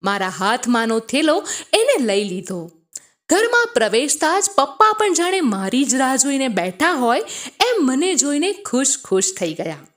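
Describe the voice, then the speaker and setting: Lively high-voiced woman telling a story. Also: measured pace. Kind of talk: first-person story narration.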